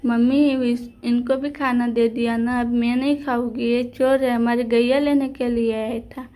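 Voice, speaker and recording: A worried little village girl in a homemade doll story, voiced by a woman. High, even, and barely acted. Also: moderate pace, natural voice.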